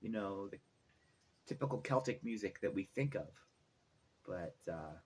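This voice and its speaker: A man's voice: fairly low pitch, animated, normal speed, a little mellow. A middle-aged man talking casually in a vlog, rambling and thinking aloud as he goes. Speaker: vlogger, musician. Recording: noticeable background noise, ambience.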